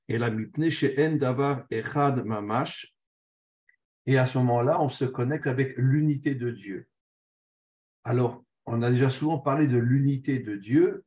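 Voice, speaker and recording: A man's voice: mid-range voice, warm tone. A man, a rabbi, giving a religious text lesson. He reads short passages aloud, then explains them earnestly in plain terms. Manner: earnest, repeats key phrases for emphasis. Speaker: rabbi teaching.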